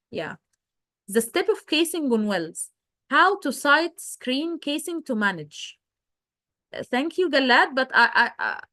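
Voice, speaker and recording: A woman's voice: a little high, a bit bright, dry recording. Dry-voiced woman presenting a webinar. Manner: hesitant, many fillers and restarts. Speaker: webinar presenter, wellsite geologist. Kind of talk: answering questions in a live webinar.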